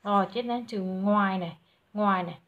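A woman with a Vietnamese accent giving patient recorded pronunciation feedback to a child, sounding out English words slowly and loudly. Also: mid-range voice, phone-quality sound. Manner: patient, models each word slowly and loudly.

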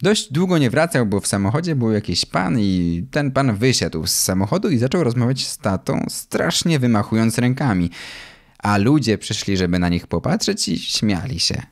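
A man's voice: lowish voice, very animated, normal speed. A man reading a children's audiobook aloud, narrating in first person as a young boy. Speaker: audiobook reader.

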